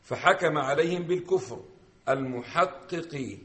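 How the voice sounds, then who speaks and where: A man reading verses and a commentary text aloud in a measured recitation for a lesson. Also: a little high, fairly bright tone. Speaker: student reader.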